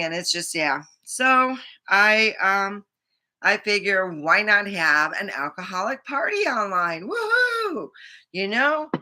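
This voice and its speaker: A woman's voice: lowish voice, sharp tone. A middle-aged American woman chatting casually to the camera in a rambling, blunt way with plenty of swearing. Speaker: vlogger.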